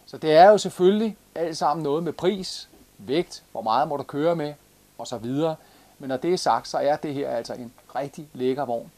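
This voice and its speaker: A man in his forties with a Jutlandic Danish accent, casually showing a caravan from inside, with many fillers and restarts. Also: fairly high pitch. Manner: relaxed, many fillers and repeats. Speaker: caravan reviewer. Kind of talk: casual product walkthrough.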